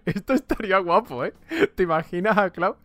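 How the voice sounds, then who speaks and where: A man's voice: sits high, brisk, a bit bright, dry recording. A man with a light Andalusian accent, chatting animatedly as a podcast co-host and laughing often. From Andalusia, Spain. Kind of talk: casual gaming chat.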